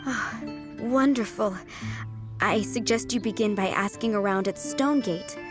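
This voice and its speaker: A woman's voice: medium pitch, unhurried, lightly acted. Woman as a poised, formal head housemaid. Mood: relieved. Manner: polite, formal, composed. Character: poised, courteous adult female head housemaid. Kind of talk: video game character acting. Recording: music under the voice.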